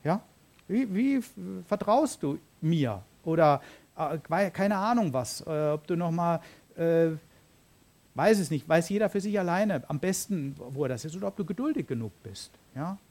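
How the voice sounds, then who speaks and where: A man's voice: on the high side, expressive, normal speed, a little mellow. A man preaching a sermon in an informal, conversational way, often dropping in fillers and asking his listeners questions. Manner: conversational, frequent "ja" and "ähm" fillers.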